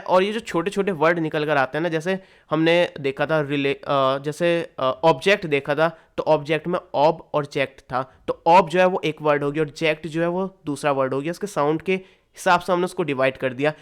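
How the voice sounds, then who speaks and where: Young man, online tutor, patient explaining, repeats key points, talks straight to students, clear resonant voice. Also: on the high side. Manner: addresses students directly and casually. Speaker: teacher. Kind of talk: lecture explaining a topic.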